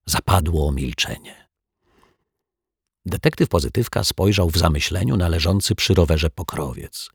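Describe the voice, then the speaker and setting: A man narrating a children's audiobook in an expressive, measured storytelling manner. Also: low voice, vocal fry, husky, no echo, studio quality. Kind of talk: scripted narration.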